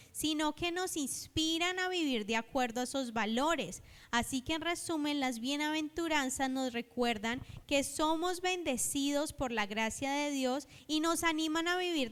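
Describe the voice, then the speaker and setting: In a reverberant church hall, a high-pitched woman from Colombia with a fairly bright tone gives a sermon. She recounts a parable in storytelling fashion, performs its dialogue, and has the congregation echo her lines.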